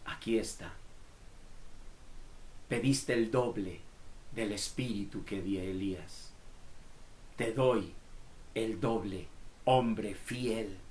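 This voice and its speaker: A man voicing God as a solemn, grave figure who speaks in a low, hushed tone. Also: slow pace, pauses often, a little hiss or hum, low-quality recording.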